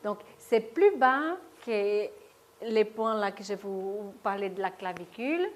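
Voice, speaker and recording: A woman's voice: mid-range voice, lively intonation, takes it slowly. A woman leading a workshop talk, explaining a technique step by step and often checking with "d'accord?". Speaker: workshop speaker on stress. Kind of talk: live talk demonstrating tapping technique. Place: lecture room with audience.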